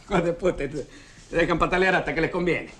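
An actor playing a bitter, disillusioned working-class husband with a Rioplatense Argentine accent, talking with sarcasm and scorn. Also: male voice, a little high, moderate pace, fairly bright tone, lightly acted. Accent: Rioplatense Argentine Spanish. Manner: sarcastic, scornful, repeats words. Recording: 1980s film soundtrack, faint hiss.

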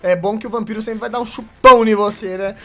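A young man with a Brazilian Portuguese accent giving excitable, casual gameplay commentary, yelping and joking as he talks to the characters on screen. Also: high voice, a little fast. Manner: excitable, yelps and laughs, talks to game characters. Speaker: gaming YouTuber.

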